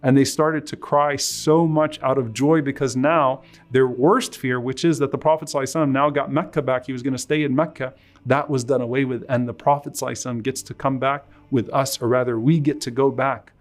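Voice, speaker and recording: Rapid-fire male preacher telling a story. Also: medium pitch, fairly even intonation. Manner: earnest, emotional retelling, mixing quoted Arabic into English. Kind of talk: sermon storytelling.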